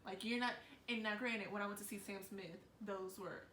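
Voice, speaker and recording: A woman's voice: medium pitch, steady tone, normal speed, a bit bright, a little hiss or hum. A young adult woman giving opinions in casual, emphatic conversation as host of a reaction chat. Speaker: host reacting with her grandmother. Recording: echoey room with music behind.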